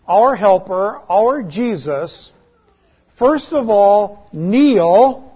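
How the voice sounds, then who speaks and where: A man preaching a sermon as pastor, slow and dramatic, his questions rising and his phrases falling away at the ends. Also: high voice, breathy edge, muffled recording.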